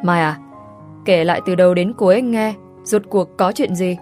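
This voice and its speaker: A woman voicing a gruff, blunt young husband with a curt, rough way of speaking, read in a storybook style. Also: on the low side, moderate pace, a little mellow, faint music behind, natural voice.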